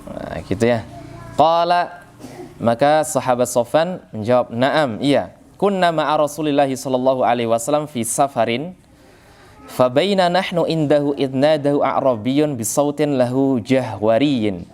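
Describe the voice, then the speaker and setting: Male religious teacher, mid-pitched voice, chatty explanation style that keeps addressing listeners as sir. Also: measured pace, a little mellow. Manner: reads Arabic then explains phrase by phrase; conversational, addresses listeners as sir, frequent filler particles. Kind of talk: classical text study lesson.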